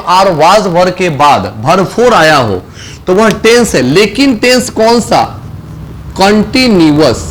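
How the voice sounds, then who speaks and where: A male English teacher with a Hindi accent gives a grammar lesson, asking the class questions, answering them himself and repeating key phrases slowly. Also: sits high, rough recording.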